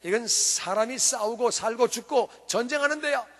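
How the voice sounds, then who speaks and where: A man's voice: extremely high pitch, normal speed, fairly bright tone, pitched above the performer's own voice. Stern king, curt and dismissive, done by a preaching man; roomy hall reverb.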